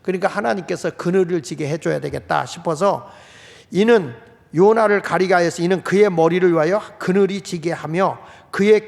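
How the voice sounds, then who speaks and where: A male pastor gives an animated sermon and throws questions to his congregation. His voice is high-pitched with a gravelly edge. The sound carries the long reverb of a church sanctuary. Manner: animated preaching, acts out quoted outbursts, asks the congregation questions.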